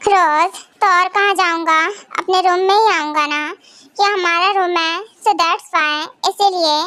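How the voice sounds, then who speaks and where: A woman's voice: very high voice, fairly even intonation, a little slow, sharp tone, no room sound, studio quality, heavily acted. A woman voicing a tired, busy young businessman husband speaking in a weary, matter-of-fact way in a fan audio drama.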